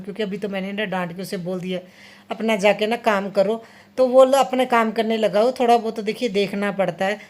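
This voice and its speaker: A woman's voice: medium pitch, darkish tone. A woman in her thirties chatting casually to viewers in a home vlog, talking her way through kitchen chores. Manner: chatty, addresses viewers directly. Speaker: vlogger mother.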